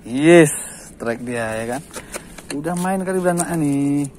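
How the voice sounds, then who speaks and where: Excitable man commentating his fishing trip. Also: fairly high pitch, unhurried, slight background noise. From Aceh, Indonesia. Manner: exclaims and repeats short words when a fish bites. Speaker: fishing vlogger. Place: outdoors by the water.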